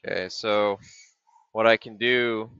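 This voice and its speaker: A middle-aged maker walks casually through a chip datasheet and circuit board on a screen-share, thinking aloud with many ums and restarts. His low voice is steady, slow, a bit bright, clear and resonant. There is no room sound, and the webcam audio is dull, dry and lo-fi.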